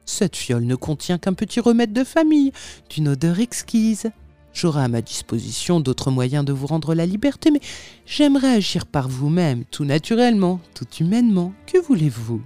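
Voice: medium pitch, very animated, normal speed, mellow, no room sound, faint music behind, close to an everyday voice. A reader voicing a sly, mocking male tempter who speaks with unctuous, overly polite irony in an audiobook reading. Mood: silky, mocking.

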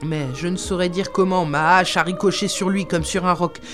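A woman's voice: lowish voice, fairly even intonation, moderate pace, music in the background, close to an everyday voice. A woman voicing a wounded barbarian king who growls and curses in anger, in an audiobook reading. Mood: furious. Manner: growling, cursing. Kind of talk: audiobook character voice.

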